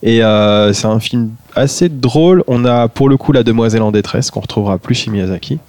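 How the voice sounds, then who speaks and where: A man's voice: medium pitch, a little fast, a little mellow, dry recording. A man, a guest author talking through film and book picks on a podcast, hesitant with many fillers. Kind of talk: podcast conversation.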